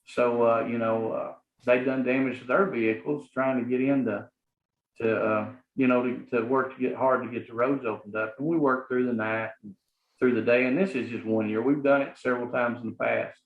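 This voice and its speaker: A man's voice: mid-range voice, fairly even intonation, moderate pace. A middle-aged man with a Southern US accent, talking earnestly as an interview guest, rambling with lots of fillers. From Arkansas, US. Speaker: guest, property manager. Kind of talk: casual interview talk. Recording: echoey, phone-like sound.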